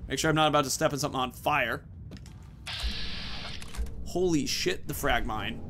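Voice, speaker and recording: With music playing behind him, a thirties-aged gaming video host gives loose let's-play commentary into his headset, thinking aloud informally. He has a medium-pitched voice and talks at a normal speed.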